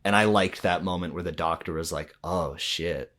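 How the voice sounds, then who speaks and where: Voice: deep voice, fairly even intonation, brisk, a bit bright. A podcast co-host in casual chat, agreeable and often chiming in with short replies.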